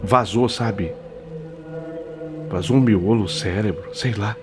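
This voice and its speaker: A man voicing a gossipy middle-aged woman at a beauty salon, telling a grim story in a hushed, lingering way. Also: lowish voice, slow, loud music behind the voice, voice pushed down.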